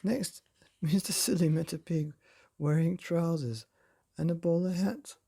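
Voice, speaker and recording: A man narrating a children's bedtime storybook in a playful, expressive way, often putting questions to the listener. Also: on the high side, measured pace, creaky, husky.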